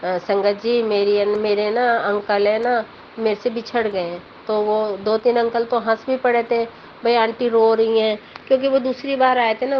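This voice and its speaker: Earnest middle-aged woman telling a testimony. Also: on the high side. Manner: earnest, rambling, emotional storytelling. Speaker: devotee sharing a testimony. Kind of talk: personal devotional testimony. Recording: dull lo-fi audio with faint background noise.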